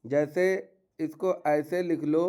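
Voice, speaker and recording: Guy teaching english pronunciation, talks slow, smooth clear voice. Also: fairly high pitch, fairly even intonation, mellow. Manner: slow, explaining rules step by step with word examples. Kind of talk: classroom-style pronunciation lesson.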